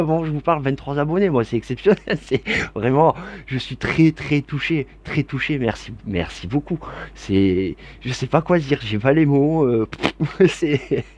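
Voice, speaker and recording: Man for a casual tabletop rules video: rambling, giggly, talking straight to his subscribers. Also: medium pitch. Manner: rambling, chatty, laughs often, many digressions; warm and grateful toward viewers. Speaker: board game YouTuber. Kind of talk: casual rules explanation to camera.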